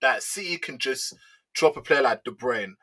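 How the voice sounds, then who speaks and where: A young man, co-hosting a casual football chat in excitable, slangy banter. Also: mid-range voice, moderate pace, slightly rough. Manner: excitable slangy banter, says bro a lot. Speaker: podcast co-host.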